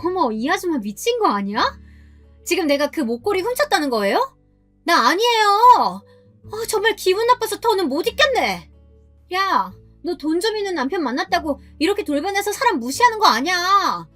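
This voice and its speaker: A woman doing a shrill, offended young woman. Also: big pitch swings, normal speed, a bit bright, faint music behind, exaggerated voice. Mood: outraged.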